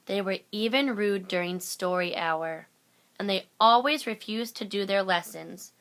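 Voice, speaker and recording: Bright-voiced woman reading a children's story. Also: medium pitch, a little slow. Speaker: storybook reader. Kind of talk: read-aloud children's story narration.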